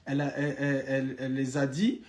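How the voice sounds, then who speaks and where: A man's voice: mid-range voice, completely flat delivery, fast, a little mellow. A young man in casual live-stream chat, animatedly telling viewers his own story and addressing them directly.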